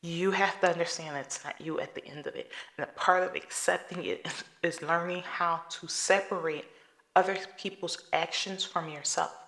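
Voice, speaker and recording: A woman's voice: lowish voice, creaky, fairly bright tone. A woman hosting a solo podcast, talking to the listener in a direct, conversational way with rhetorical questions and everyday examples. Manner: preachy, conversational, talks through examples. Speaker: podcast host.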